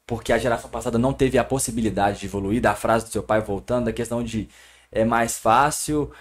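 A man hosting a casual podcast, reflecting out loud in loose, slangy talk. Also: mid-range voice, fast talker. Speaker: podcast host.

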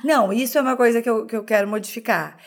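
A woman co-hosts a podcast in relaxed, casual chat. She speaks candidly and pokes fun at herself. Her sentences often break off and restart. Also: on the high side, racing. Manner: chatty, candid, self-deprecating, many restarts. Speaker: podcast co-host.

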